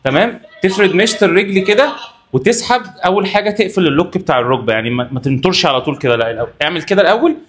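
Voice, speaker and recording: A man's voice: sits high, animated, very fast, a little hiss or hum. A man with an Egyptian accent vlogging his workout in a gym, joking with the cameraman and giving coaching tips. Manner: joking, teasing banter between sets; coaching instructions. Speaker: fitness vlogger. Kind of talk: casual workout vlog.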